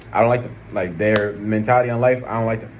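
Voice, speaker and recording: Low-voiced American man chatting casually over noise. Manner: slangy, conversational, frequent check-in tags. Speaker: vlog host. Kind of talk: casual chat, rambling opinion to camera. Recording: noticeable background noise.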